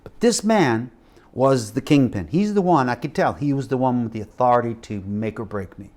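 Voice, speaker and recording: Middle-aged man, sermon storyteller, lively and dramatic, swings from loud to hushed. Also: medium pitch, moderate pace. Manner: animated storytelling with acted quotes and shifting loudness. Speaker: missionary preacher.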